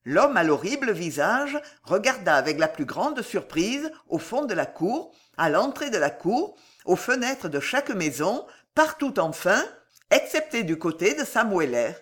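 An audiobook narrator reading a classic novel in an expressive, dramatic storytelling manner. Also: mid-range voice, measured pace.

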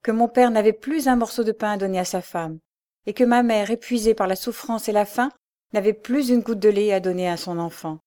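A woman's voice: medium pitch, brisk, dark tone, lightly acted. A woman voicing an earnest, sorrowful young girl of humble birth, reading an audiobook character with a raised, pleading delivery.

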